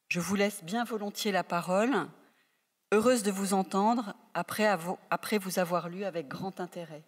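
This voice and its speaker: Formal woman host in a reverberant hall. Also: medium pitch. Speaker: faculty host introducing the speaker. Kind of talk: formal academic introduction. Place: large lecture hall at a faculty. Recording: echoey hall with long reverb.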